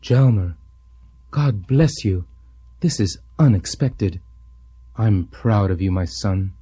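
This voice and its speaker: A man's voice: fairly low pitch, animated, slow pace, mellow, slightly rough, full character voice. A man playing an earnest fatherly preacher in a radio drama. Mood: fervent. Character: older male preacher, fatherly and fervent.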